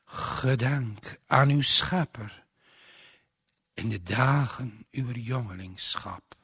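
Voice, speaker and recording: A man voicing a frail, dying old gentleman who speaks slowly and tenderly, giving a pious blessing in solemn biblical language. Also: medium pitch, breathy edge, no echo, studio quality, heavily acted. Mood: weary blessing. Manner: slow, weary, blessing in solemn biblical phrasing.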